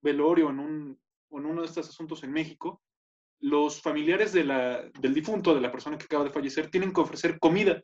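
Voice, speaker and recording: Animated Mexican man joking on a podcast. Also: fairly high pitch, fast talker, dull audio. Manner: animated, joking, rants with mock outrage. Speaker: podcast co-host. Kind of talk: casual chat.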